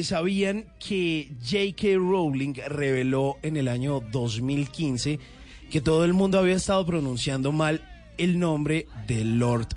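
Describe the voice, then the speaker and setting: A man's voice: fairly high pitch, darkish tone. A man hosting a casual chat, rambling on with trivia. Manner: enthusiastic, rambling storyteller. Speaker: host.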